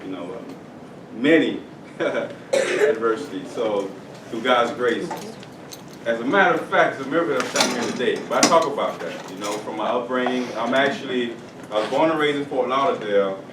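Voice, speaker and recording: A man's voice: mid-range voice, lively intonation, moderate pace. A young man giving an upbeat motivational talk at a school career day, bantering with the class in call-and-response. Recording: echoey room, distant camera, noisy.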